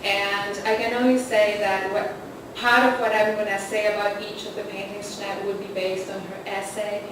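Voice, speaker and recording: A woman's voice: medium pitch, little pitch movement, moderate pace. A woman hosting a poetry reading and slideshow, introducing the evening in an earnest, somewhat rambling way. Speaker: host and anthology editor. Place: literary arts center event hall. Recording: roomy, distant, noisy hall recording.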